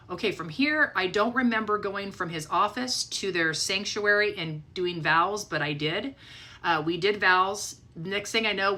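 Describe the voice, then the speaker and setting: A middle-aged woman telling her faith testimony in a casual, animated way, acting out her own thoughts as she goes. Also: lowish voice. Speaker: storyteller sharing her testimony.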